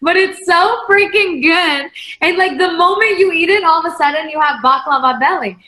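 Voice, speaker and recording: A chatty woman singer talks with a high, bright voice and laughs often. Her speech is full of filler "like"s. The echo of a roomy space comes through a video-call mic. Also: normal speed. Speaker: singer, interview guest. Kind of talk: casual livestream interview.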